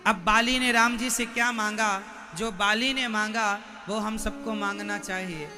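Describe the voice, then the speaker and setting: A man delivering a devotional sermon before a live audience, speaking slowly and emphatically, breaking into sung verses and putting questions straight to his listeners. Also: high-pitched, fairly even intonation, long reverb tail, soft background music. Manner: slow, emphatic, addresses listeners directly with questions. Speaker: preacher of religious storytelling.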